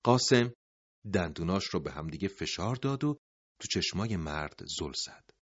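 A dramatic storybook tale is narrated by a man with a fairly low, expressive voice. His pitch ranges widely, dropping to a hush as sentences end, and the recording sounds a bit dull and lo-fi.

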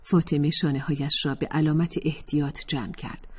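Husky-voiced woman reading a novel. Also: low-pitched, little pitch movement, darkish tone. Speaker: audiobook narrator. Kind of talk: first-person novel narration.

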